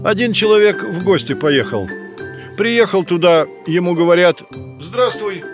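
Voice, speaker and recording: A man reading a folk tale aloud in a measured, plain storytelling manner. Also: high voice, animated. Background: soft music.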